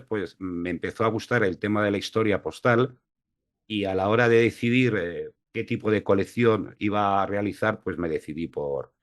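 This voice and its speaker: Low-voiced hesitant male lecturer. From La Mancha, Spain. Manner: hesitant, many fillers. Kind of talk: online lecture. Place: home, video call. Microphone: video call mic.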